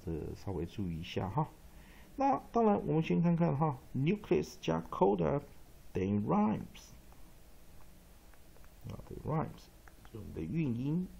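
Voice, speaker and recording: This is a man with a Taiwanese Mandarin accent teaching English phonics, spelling out letters and repeating the rules with drawn-out fillers. His voice is gravelly and low in texture, and it moves at an unhurried pace. His pitch rises and falls with lively emphasis. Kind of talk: phonics lesson explaining spelling patterns.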